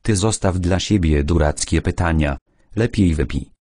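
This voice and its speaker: A man voicing a gruff army major who speaks bluntly and mixes in Russian words. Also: low-pitched, moderate pace, darkish tone, no room sound. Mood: grave. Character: weary older male army major, blunt drinker.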